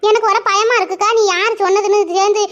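A woman's voice: extremely high pitch, little pitch movement, fast talker, a bit bright. A woman voicing a chatty young village wife in a cartoon, complaining about another woman's mother-in-law. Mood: worried. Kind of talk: cartoon voice acting.

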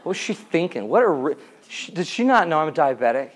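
A man's voice: a little high, big pitch swings, fast, a crowd in the background. Jokey man teaching a class. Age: 40s. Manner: jokey, theatrical, asks the audience questions. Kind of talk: comedic lecture to a class.

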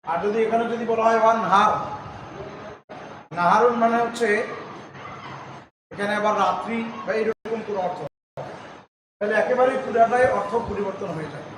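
A fairly high-voiced man gives a recitation lesson, slowly repeating each word and chanting the examples long and drawn out. He sounds far from the mic in a very echoey room. Steady noise hums underneath. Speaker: Quran recitation teacher. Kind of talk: tajweed pronunciation lesson.

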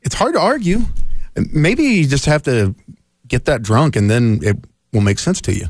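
A man's voice: medium pitch, very animated, moderate pace, dry recording, studio quality. A man in casual radio banter, giving short, agreeable replies.

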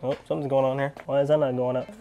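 A man chats through a casual vlog at home, eager and talkative, tossing in plenty of fillers as he goes. His voice sits at an ordinary middle pitch. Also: level tone, racing, mellow, lo-fi sound, faint music behind. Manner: enthusiastic and chatty, with frequent fillers. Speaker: mountain bike vlogger. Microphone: shotgun or wireless mic.

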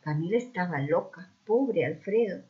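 A woman narrating a children's mystery story aloud, expressive and acting out the dialogue. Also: fairly low pitch, moderate pace. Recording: dull muffled recording.

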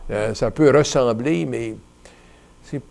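Seated at a table in a bright little studio, a bishop in his seventies who is retiring talks through an interview with a relaxed, wandering reflectiveness. His Ottawa-born Canadian French accent carries a slow, mid-range voice with vocal fry, and he gestures while stumbling through frequent fillers and restarts.

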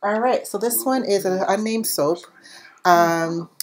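A woman's voice: medium pitch, slow. A woman chatting casually at home while showing her handmade soap, rambling with lots of fillers. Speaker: soap maker. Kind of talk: casual vlog chat.

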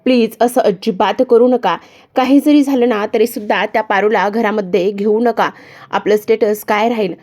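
A woman's voice: mid-range voice, fairly even intonation, normal speed, darkish tone, close to an everyday voice. A woman reading as a haughty, scornful young woman. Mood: scornful pleading. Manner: pleading yet contemptuous, insistent.

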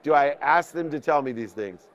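Speaking at a moderate pace in a fairly high, lively voice, this fifty-something coach delivers an impromptu business talk at a convention booth indoors, with onlookers around. He stresses his points forcefully and lays them out in parallel phrases. The recording from his small collar mic sounds muffled.

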